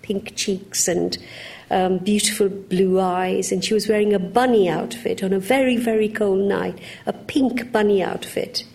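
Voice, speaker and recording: A woman from Uganda speaking on a panel, telling personal stories in a lively, frank way. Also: medium pitch, unhurried, gravelly. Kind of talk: anecdotal panel discussion.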